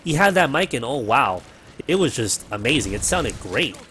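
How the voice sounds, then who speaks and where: A man's voice: medium pitch, very animated, normal speed, bright, forceful tone, slight background noise. A man hosting a gaming livestream from his apartment, chatting casually and rambling with fillers and the odd swear word, his cheap mic close to his mouth. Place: home apartment.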